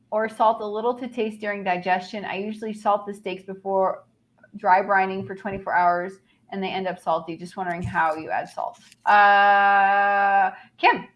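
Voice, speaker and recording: A woman hosting a casual group video chat, blunt and profane, reading out viewer questions. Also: mid-range voice. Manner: blunt and profane, then sympathetic; reads viewer questions aloud. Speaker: host.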